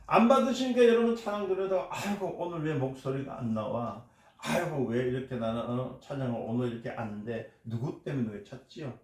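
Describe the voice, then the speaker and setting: A man's voice: fairly low pitch, darkish tone. A man preaching a sermon as a pastor, stressing points and asking his congregation questions. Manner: emphatic, asks the congregation questions and answers them. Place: church hall. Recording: echoey church hall.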